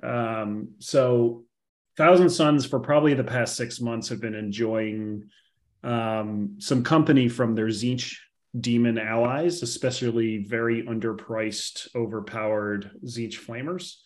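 A man talks through tabletop game news in a relaxed podcast chat. His voice sits at an ordinary middle pitch. He rambles, restarting his sentences and padding them with ums. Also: slow pace. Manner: rambling, heavy on fillers and restarts. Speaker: podcast co-host. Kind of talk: casual gaming chat.

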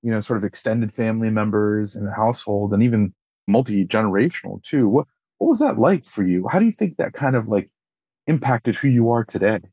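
A man's voice: lowish voice, animated, brisk, dark tone, slightly rough, no room sound. A man co-hosting a podcast, asking long, enthusiastic, rambling questions. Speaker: podcast co-host. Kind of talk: conversational interview.

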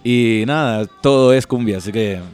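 A man's voice: mid-range voice, moderate pace, clean tone. Young man, easygoing rambling musician guest, faint music under him. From Guayaquil, Ecuador. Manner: relaxed, rambling with many fillers. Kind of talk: casual interview chat.

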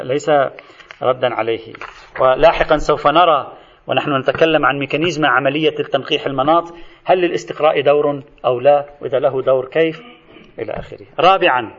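A man delivers a seminary-style lecture in a quick, higher-pitched voice, explaining points in order and turning to his students as he goes. The recording is dull and lo-fi. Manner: explanatory, addresses students directly.

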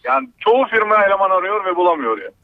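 A man's voice: high-pitched, sing-song, racing, vocal fry, dry recording. A man calling in to a radio show over a landline telephone, speaking emphatically and insistently. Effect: landline telephone line. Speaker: radio call-in caller. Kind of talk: call-in opinion. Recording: dry tinny phone line.

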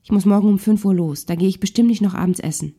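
A sharp, reproachful wife in a heated domestic argument, as a woman narrator voices her. Her tone is dark and mellow, pointed and accusing, in a spoken-word story reading. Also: medium pitch, fast talker, breathy edge. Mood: angry. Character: angry wife in a marital spat.

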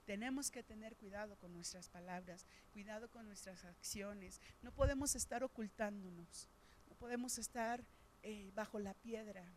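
A woman's voice: mid-range voice, moderate pace, slight background noise. A middle-aged woman with a Mexican Spanish accent, preaching a sermon in a conversational storytelling way, with frequent fillers.

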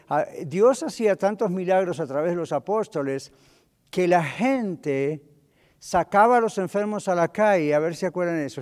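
A middle-aged male pastor preaching a sermon, animated and full of rhetorical questions. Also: fairly high pitch. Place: church hall. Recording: long hall reverb.

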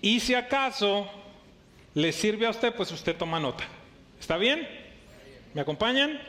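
High-voiced preaching man. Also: expressive, a little slow, pushed and bright. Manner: emphatic preaching with rhetorical questions. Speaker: pastor. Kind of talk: sermon.

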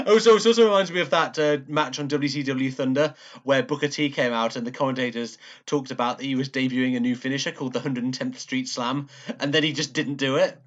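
A man's voice: medium pitch, a little fast, sharp tone. A man hosting a casual podcast chat with a dry, wry humor and frequent ums. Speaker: podcast host. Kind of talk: casual chat reviewing a fight. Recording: dull lo-fi podcast audio.

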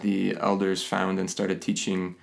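A man hosting a casual interview podcast, talking in halting, pause-filled phrases. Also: deep voice, completely flat delivery, gravelly. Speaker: podcast host.

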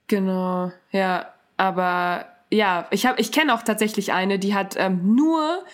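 A woman's voice: mid-range voice, a little slow. A young woman hosting a casual podcast chat, talking loosely with lots of fillers and dropping Japanese and English words in. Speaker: podcast host.

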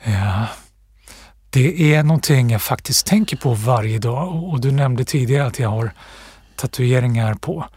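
A man being interviewed as an author, talking reflectively with pauses and restarts. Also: mid-range voice, darkish tone, breathy edge, dry recording. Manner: thoughtful, pausing, with restarts and fillers. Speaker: author, guest.

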